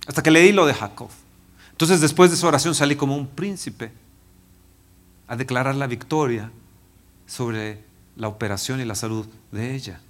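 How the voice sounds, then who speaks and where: A man in his fifties, a pastor, preaching a personal testimony with emotion, dropping to a hushed voice and rising again. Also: medium pitch. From Mexico. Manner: emotional, swings from loud to hushed. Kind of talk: sermon testimony.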